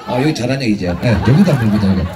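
A man emceeing a street performance at an outdoor festival, teasing the crowd with crude jokes and shouting music cues. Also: medium pitch, expressive, very fast, background noise.

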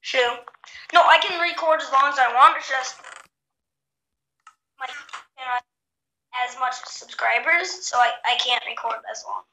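A woman's voice: high-pitched, unhurried, pauses often, bright, forceful tone. A woman chatting casually to her viewers while gaming, recorded in a small bathroom that echoes. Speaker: gaming channel host. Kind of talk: casual game chat. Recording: echoey bathroom, faint noise.

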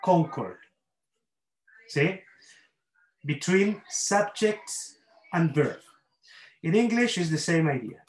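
A man's voice: a little high, sing-song, drawn-out words, pauses often, roomy sound, rough recording. A man with a Chilean accent teaching a university grammar class online. He explains by repeating examples and checks in with his students. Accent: Chilean Spanish.

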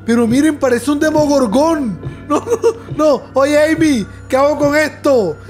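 A man hosting a let's play, talking excitably and constantly calling out to his viewers as friends. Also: extremely high pitch, unhurried, faint music behind. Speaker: gaming channel host.

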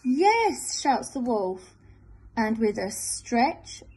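A woman teacher reading a picture book aloud to children, expressive and gentle. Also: on the high side, measured pace, husky, rough recording. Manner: expressive, sing-song, gentle.

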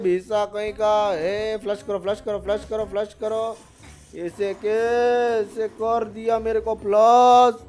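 A young man doing rowdy, playful gameplay commentary on a headset, often shouting. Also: high voice. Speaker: gaming YouTuber. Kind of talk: comic Roblox gameplay commentary. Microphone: gaming headset.

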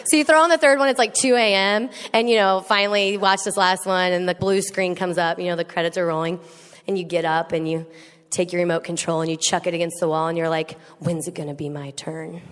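A woman giving a comedic talk to a live audience, animated and teasing, acting out quoted voices. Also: lowish voice, fast, clean tone. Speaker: speaker. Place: large hall with an audience. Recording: echoey hall with faint noise.

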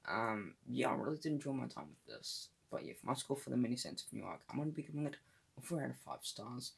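Guy doing a casual movie review, lots of uhs and tripping on names, pretty lively up and down voice, kinda husky. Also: medium pitch, fast talker. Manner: hesitant, many fillers, stumbles over names.

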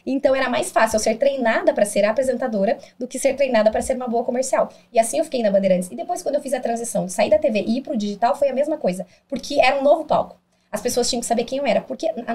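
Convidada brasileira de voz aguda e fala veloz. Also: female voice, high voice, dark tone. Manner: fast, assertive, explanatory. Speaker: guest, former TV presenter and digital marketer. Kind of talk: interview answers.

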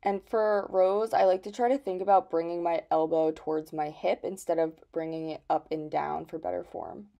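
A woman's voice: fairly low pitch, fairly even intonation, normal speed, vocal fry, hardly any pauses, warm tone, muffled recording. A young woman talking casually to her phone camera in a vlog, chatty, with lots of fillers and the odd swear word. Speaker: vlogger. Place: gym, then at home.

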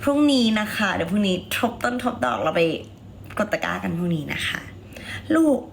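A woman with a hoarse, raspy voice chats casually on a livestream, her pitch swinging up and down as she coaxes viewers along. A faint hiss of noise sits under the recording. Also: lively intonation, fairly quick. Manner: playful, chatty, coaxing viewers. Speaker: livestream seller.

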